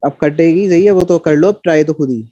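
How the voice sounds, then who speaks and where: Online math tutor, man, fairly high but mellow voice, audio breaking up and cutting out, dull lo-fi call sound. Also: fairly quick, no room sound. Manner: coaxing, pushes students to work along. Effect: voice breaking up and cutting out over a bad connection. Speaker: math teacher. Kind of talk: online class.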